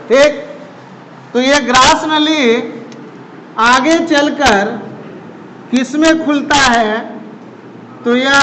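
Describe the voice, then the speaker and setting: A male biology teacher speaks at an unhurried, deliberate pace, repeating key terms and checking whether students follow. His voice sits very high, and it rings with long reverb in a classroom. A faint hum runs underneath. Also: a bit bright. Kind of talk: classroom lecture. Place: classroom with board. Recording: echoey room, faint background noise.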